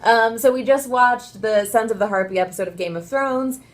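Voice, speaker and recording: A woman's voice: a little high, normal speed. Upbeat woman co-hosting casual chat. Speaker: co-host.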